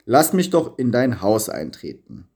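A man voicing a kind, wise old bishop who speaks calmly and gently. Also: mid-range voice, unhurried. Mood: gentle. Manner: calm, gentle speech.

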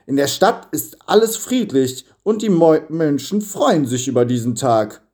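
A man voicing a kind, wise old bishop who speaks calmly and gently. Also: on the high side, measured pace, voice pushed up. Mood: gentle. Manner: calm, gentle speech.

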